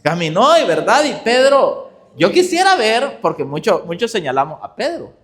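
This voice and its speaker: Animated, high-voiced male preacher. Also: normal speed. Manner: animated storytelling, rhetorical questions to the congregation. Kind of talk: sermon.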